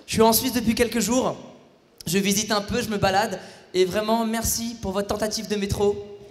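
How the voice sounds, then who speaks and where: Male stand-up, fairly high voice, ironic and playful, hall reverb with faint crowd. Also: fairly even intonation, moderate pace, slight background noise. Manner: ironic, playful digs at the audience. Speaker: stand-up comedian. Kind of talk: stand-up routine. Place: theatre stage before a live audience.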